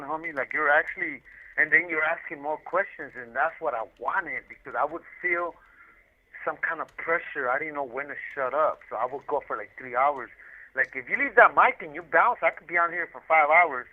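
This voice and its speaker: A man with a slightly high voice talks a little fast and animatedly on a collect call from prison, the line muffled and tinny. A talkative incarcerated guest, he shares casual, slangy, rambling anecdotes, often saying things twice.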